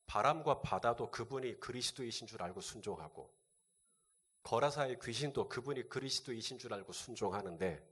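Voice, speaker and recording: A man's voice: mid-range voice, animated, fairly quick, a bit bright, husky. A male pastor delivering a sermon, asking the congregation rhetorical questions and answering them.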